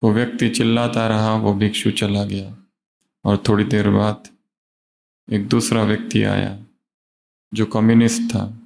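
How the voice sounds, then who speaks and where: A man telling a moral story as a spiritual speaker, in a measured, pausing way. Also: on the low side, little pitch movement, gravelly, darkish tone. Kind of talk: storytelling sermon.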